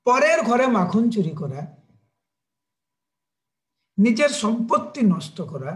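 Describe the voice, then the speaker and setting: A man's voice: high voice, a little mellow. A man voicing an angry mother who scolds her child with accusing questions, in a devotional storytelling sermon.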